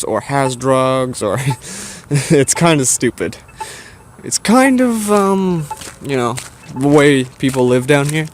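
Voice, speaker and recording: A Canadian man talks casually to his viewers as a vlogger. He meanders and hesitates through his thoughts at a mid-range pitch. Faint outdoor noise sits behind his voice. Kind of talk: casual rambling chat to viewers.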